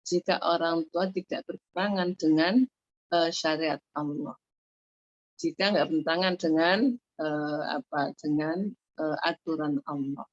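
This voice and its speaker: A woman who is a religious teacher gives an online sermon in a low voice, at a measured pace with fairly even intonation. She explains patiently, repeating and rephrasing her points often with frequent fillers. The audio is dull, muffled and lo-fi.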